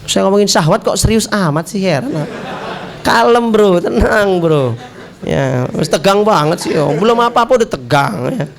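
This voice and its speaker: A man's voice: high voice, fairly quick, vocal fry, few pauses. A male preacher giving a humorous sermon, joking with the crowd and acting out dialogue. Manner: lively, jokey, acts out quoted dialogue, slips into Javanese.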